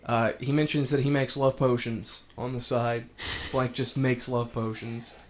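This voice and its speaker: A man commentating on a video game playthrough in a casual, rambling way, getting animated as he retells a story. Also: mid-range voice, unhurried. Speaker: let's play commentator.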